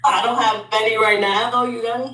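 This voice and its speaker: A woman talking as a coaching client on a video call, chatty and excited, laughing easily. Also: a little high, fairly quick, reverberant, recorded from a distance, low-quality recording. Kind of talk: casual video-call chat.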